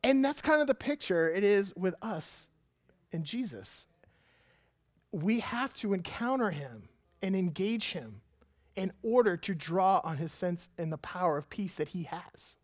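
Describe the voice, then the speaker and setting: Animated pastor man, dry close sound. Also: sits high, a little slow, no room sound. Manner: animated, emphatic storyteller. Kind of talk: sermon with personal storytelling.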